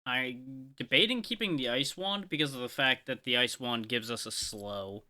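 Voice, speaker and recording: A man streaming live gameplay, talking through his choices with playful, excitable, mock-boastful trash talk. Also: medium pitch, normal speed.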